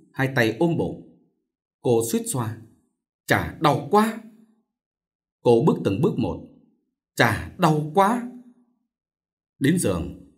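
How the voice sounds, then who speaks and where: A man narrating a novel as an audiobook in a vivid, expressive reading style. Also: medium pitch.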